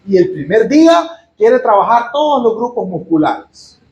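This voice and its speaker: A pastor with a fairly high voice talks his way through a sermon in a relaxed, chatty manner. He keeps checking in with his listeners and drops in light, humorous asides. The sound is roomy and echoey, as in a church hall. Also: normal speed, dull audio. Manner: chatty, often asks "¿verdad?" and adds humorous asides. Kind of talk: conversational sermon with Bible reading.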